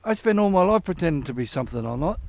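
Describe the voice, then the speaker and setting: A vlogger with an Australian accent chats casually to camera, rambling, repeating himself and swearing freely. His fairly high voice swings widely in pitch, and he talks rapid-fire.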